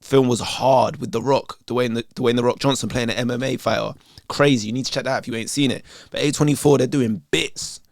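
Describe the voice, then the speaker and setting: A man's voice: medium pitch, fairly even intonation, a little fast, gravelly, no echo, clean studio sound. A man, chatting casually while he reacts to videos, streetwise and loose. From England. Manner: chatty, streetwise, says "you know what I'm saying" often.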